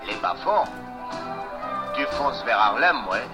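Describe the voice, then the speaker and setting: A man's voice: mid-range voice, very animated, slow pace. A man dubbing a brash, mocking taxi driver in a film, with a streetwise, slangy manner. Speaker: film character, dubbed. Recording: film clip with loud music.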